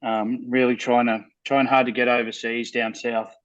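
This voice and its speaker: A man's voice: medium pitch, little pitch movement, normal speed, a bit bright, dull audio. A man talking casually about his band over a video call, enthusiastic, repeating words and using many fillers. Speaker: band member guest.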